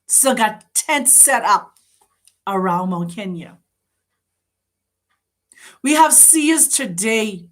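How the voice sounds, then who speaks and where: A woman hosting, giving an impassioned spiritual address full of rhetorical questions and urgent appeals to her listeners. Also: on the high side. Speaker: host.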